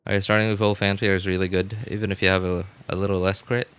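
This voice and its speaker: Chatting casually with viewers during a video game livestream, this man also mutters little asides to himself in an easygoing, informal manner. He talks fast in a deep, level voice that's a bit bright, and the tone is clean.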